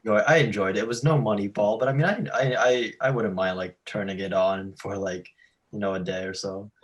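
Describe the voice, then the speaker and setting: A man co-hosting a casual film chat, laid-back and a little halting. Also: fairly low pitch, steady tone, breathy edge, highs cut off. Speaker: podcast co-host.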